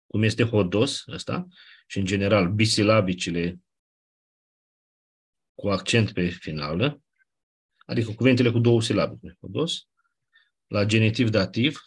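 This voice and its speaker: Husky low-voiced man teaching. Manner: explanatory, checks understanding with "nu?". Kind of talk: classroom lecture.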